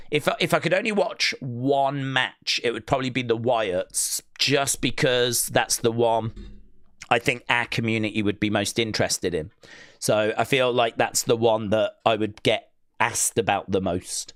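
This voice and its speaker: A man with a lowish, slightly bright voice hosts a live wrestling watch-along, casually reading viewer comments between rambling asides. Fillers and restarts pepper his speech. The recording is clean and studio-made, without echo.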